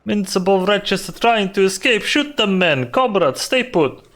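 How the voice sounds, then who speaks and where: A man voicing a gruff male Russian mob boss who gives orders and calls everyone comrade, in a put-on Russian accent. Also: sits high, expressive, a bit bright. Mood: commanding. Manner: slow commanding address to "comrade".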